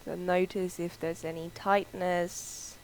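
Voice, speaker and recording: A woman's voice, fairly low and unhurried, guides a yoga class through breathing and quiet attention to the body. She speaks softly and calmly, with gentle drifting pauses between her instructions. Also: a little hiss or hum, poor audio.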